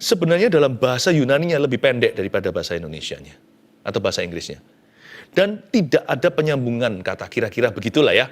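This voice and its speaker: A man, a pastor, preaching a sermon in a conversational, animated way. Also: medium pitch, fast.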